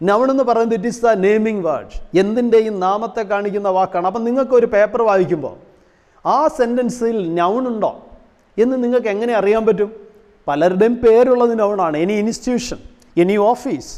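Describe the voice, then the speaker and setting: A male teacher with a high-pitched, darkish voice gives a classroom lesson, posing rhetorical questions and slipping English terms into his explanations. The recording carries a long hall reverb.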